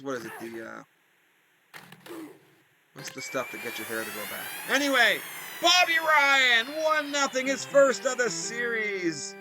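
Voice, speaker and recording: Excited, bright-voiced man calling hockey plays. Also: a little hiss or hum. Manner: rises sharply in pitch and volume on big plays, chatty asides. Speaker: play-by-play commentator for a video game hockey league. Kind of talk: excited play-by-play commentary.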